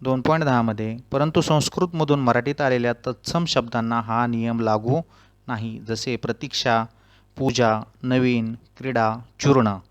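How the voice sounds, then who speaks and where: A man teaching a grammar lesson, reading out rules one by one and spelling out the example words slowly. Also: mid-range voice, fairly even intonation. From Maharashtra.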